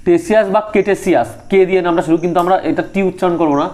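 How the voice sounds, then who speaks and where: Young guy teacher w a bengali accent, quick and a bit high, drills names over and over with the group. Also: steady tone, darkish tone. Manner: drills names by repetition, asks students to repeat. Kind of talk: group study lesson.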